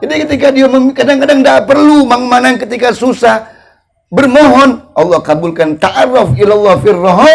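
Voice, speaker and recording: A man's voice: high voice, gravelly. A man preaching with a Palembang accent, joking in a colloquial sermon and drawing out chanted invocations to God. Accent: Palembang Malay. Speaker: ustadz preacher. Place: religious study gathering.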